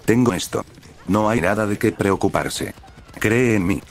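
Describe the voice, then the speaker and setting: A man voicing a cheerful, naive young man in a story reading, delivered in a flat, even way. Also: fairly low pitch, unhurried. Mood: easygoing.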